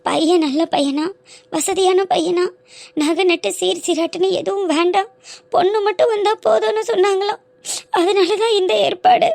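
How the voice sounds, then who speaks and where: A woman voicing a gentle young female college student in a cartoon, talking softly and pleading. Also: very high voice, steady tone, slow pace, vocal fry, dry recording, full character voice. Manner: soft, pleading. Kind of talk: cartoon voice acting.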